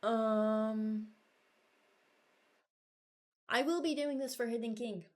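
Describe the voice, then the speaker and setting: This early-twenties woman has a fairly high voice and takes her time. She creates gaming videos, chatting unscripted and rambling while she works through her thoughts.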